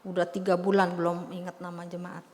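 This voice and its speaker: A woman's voice: on the low side, monotone, a little fast, a little mellow. A woman in her fifties giving a chatty, storytelling sermon to a church congregation. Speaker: preacher. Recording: long church reverb.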